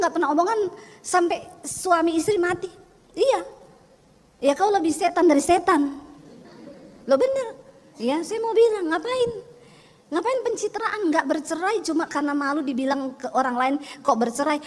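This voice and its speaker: A middle-aged woman pastor from Sulawesi with a Sulawesi accent, preaching in an animated storytelling manner and acting out voices. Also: very high-pitched, big-room sound. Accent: Sulawesi Indonesian. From Sulawesi, Indonesia. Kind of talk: sermon.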